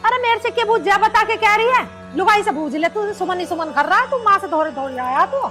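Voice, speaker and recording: A woman's voice: extremely high pitch, expressive, fairly quick, loud music behind the voice. An actress playing a harsh, nagging older mother-in-law with a Haryanvi accent in a village film drama. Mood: bitter. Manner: nagging, sharp-tongued.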